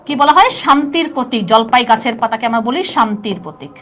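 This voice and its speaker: High-voiced woman teaching a live class. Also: expressive, a little fast, fairly bright tone. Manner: chatty, keeps asking students questions.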